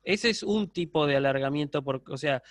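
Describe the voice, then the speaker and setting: A man's voice: on the high side, moderate pace, no room sound. Argentine man lecturing, often asking "¿sí?". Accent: Argentine Spanish. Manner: explanatory, checks in with frequent "¿sí?". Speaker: university lecturer. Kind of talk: online lecture.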